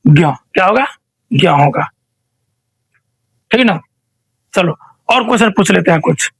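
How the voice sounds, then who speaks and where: A man's voice: sits high, expressive, unhurried, creaky, a bit bright, husky, no room sound, rough recording. A male teacher running an online revision quiz, asking each question again and again and prompting students to answer.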